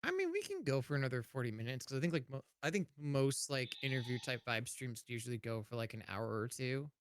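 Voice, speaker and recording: A man's voice: mid-range voice, big pitch swings, a little fast, no echo, clean studio sound. A man chatting casually as a guest on a stream, teasing and restarting his sentences. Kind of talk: casual chat.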